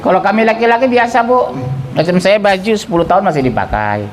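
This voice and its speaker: Lively joking male preacher. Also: fast, poor audio. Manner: lively, joking, acts out quotes in soft or high voices. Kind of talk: sermon.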